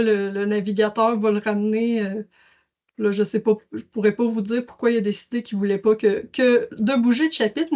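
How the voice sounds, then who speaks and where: A woman presenting a webinar, explaining a digital library in a casual way with many fillers and restarts. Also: fairly high pitch. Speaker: educational services presenter. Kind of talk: webinar software demonstration.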